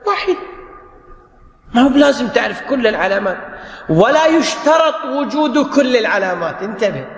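A man teaching grammar in a class, explaining step by step, repeating key points and answering his own questions. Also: extremely high pitch. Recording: echoey hall.

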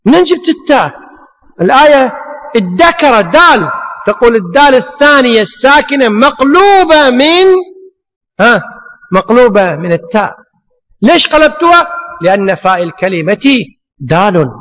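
A man teaches a class in a very high voice, moving step by step through rhetorical questions and repeating each point. His voice rings with a long reverb, as in a lecture hall. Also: sing-song, moderate pace, pauses often, fairly bright tone. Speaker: teacher of Arabic morphology.

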